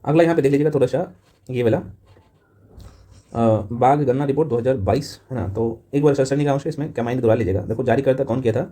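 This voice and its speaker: A man's voice: medium pitch, mellow. A man teaching an exam revision class in an informal, matey way, often tossing short check-in questions to his listeners. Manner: rapid-fire delivery peppered with short check-in questions. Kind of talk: fast revision lecture to camera.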